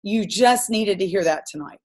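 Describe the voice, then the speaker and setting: A woman's voice: mid-range voice, animated, normal speed, a little mellow. A woman coaching her sales team on a group call, giving an impassioned, rambling pep talk full of stories.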